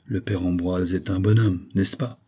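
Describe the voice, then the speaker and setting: A man's voice: low voice, steady tone, moderate pace, warm tone, slightly rough. A man voicing a shrewd, good-natured old country farmer who talks in a knowing, folksy, insistent way.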